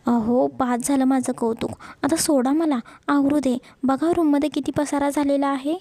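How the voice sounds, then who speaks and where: A woman's voice: high-pitched, steady tone, normal speed, mellow, no echo. Woman reading as a shy, scolding young wife. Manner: coaxing, mildly scolding.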